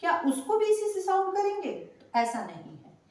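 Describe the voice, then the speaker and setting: A woman teaching pronunciation in a slow, patient way, spelling each word out letter by letter and saying it again. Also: very high-pitched, huge pitch swings, a little mellow, far from the mic. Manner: patient, spells words letter by letter and repeats them. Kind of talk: slow spoken lesson. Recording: very echoey room, voice from off the mic.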